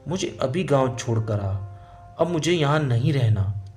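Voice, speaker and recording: A man's voice: mid-range voice, lively intonation, unhurried, a little mellow, soft background music, natural voice. A man voicing a stubborn, angry elderly mother-in-law who scolds harshly in a storybook tale. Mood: angry scolding.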